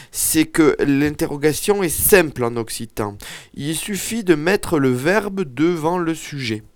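A man teaching an Occitan lesson, explaining words slowly with hesitant fillers. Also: on the high side, no echo. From southern France. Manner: slow, hesitant, many fillers.

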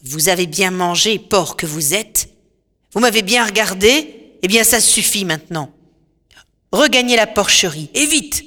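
A woman voicing a cruel sorceress who speaks in a hard, cutting voice and orders men around in scorn, in a reverberant storybook recording with soft music behind. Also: medium pitch, animated, measured pace. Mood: scornful, commanding. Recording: long reverb, faint music.

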